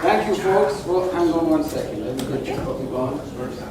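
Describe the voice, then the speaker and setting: A man's voice: on the high side, lively intonation, fairly quick, a crowd in the background, noisy background. A man hosting a real estate club meeting, chatty and joking with the audience. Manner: chatty, jokey, engages the audience. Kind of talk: seminar talk to an audience. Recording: echoey meeting room, mic at a distance.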